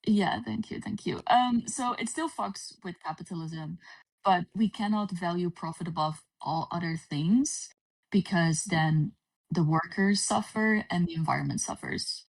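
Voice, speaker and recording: Speaking as a livestream guest, this Dutch woman from the Netherlands has a fairly low, creaky voice. Her casual chat is relaxed and full of pauses, while the distant stream audio adds a cave-like echo that makes her seem far away.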